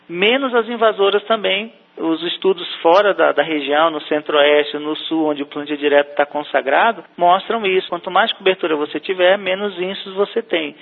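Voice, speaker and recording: A man, an agricultural researcher, explaining in an interview, listing points with pauses. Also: high voice, vocal fry. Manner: explanatory, lists items with pauses. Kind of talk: interview answers. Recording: tinny phone-like line with reverb.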